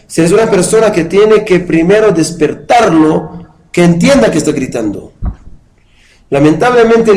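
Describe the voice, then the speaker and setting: Male teacher, fairly high voice, patient lecture style with questions to the class and chanted verses. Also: a little mellow, low-quality recording. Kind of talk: religious study lecture with a live class.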